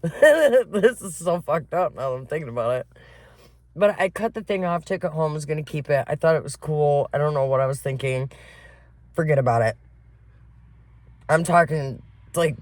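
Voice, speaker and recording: A woman's voice: low voice, no room sound. A woman from Michigan co-hosting a casual podcast, telling stories with lots of swearing and laughter. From Flint, Michigan. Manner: profane, laughing, animated storyteller. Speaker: podcast co-host. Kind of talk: casual chat, storytelling.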